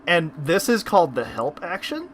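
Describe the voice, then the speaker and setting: A man's voice: a little high, huge pitch swings, moderate pace, a little hiss or hum. A man running a tabletop game as game master over voice chat, explaining rules patiently and laughing often. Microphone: online voice chat.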